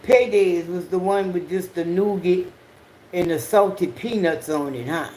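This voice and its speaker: A person with a Southern US accent chatting casually on a livestream in an unhurried, slangy, profane way. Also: medium pitch, a little mellow, slight background noise, rough recording. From Southern United States. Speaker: livestream host.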